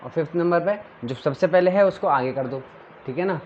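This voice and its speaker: A man's voice: on the high side, fairly quick, lo-fi sound, a little hiss or hum. A male teacher giving a classroom grammar lesson, drilling his students with questions and answers.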